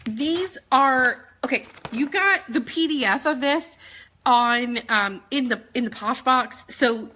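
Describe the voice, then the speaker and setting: A woman's voice: high-pitched, slow. Chatty woman with a Southern twang. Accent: Southern US, put on when talking fast. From Maryland. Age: 30s. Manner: chatty, animated, laughs often, quotes others in voices. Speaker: sales team leader. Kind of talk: casual live training talk.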